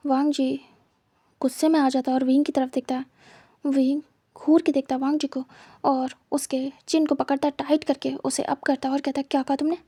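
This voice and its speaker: High-voiced woman retelling a story. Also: level tone, moderate pace, dark tone, dry recording, studio quality. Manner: plain, matter-of-fact retelling. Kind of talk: casual fan-fiction story narration.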